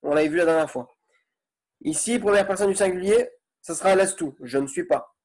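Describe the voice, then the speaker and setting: A man's voice: sits high, fairly quick, darkish tone. Patient man teaching a grammar lesson. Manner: patient, keeps checking with "ok?". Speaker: Arabic teacher.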